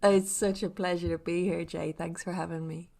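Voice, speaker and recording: An Irish woman telling a folk tale in a lilting storyteller's manner, with dramatic pauses and repetition. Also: lowish voice, little pitch movement, gravelly, darkish tone. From Ireland. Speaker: storyteller, podcast guest.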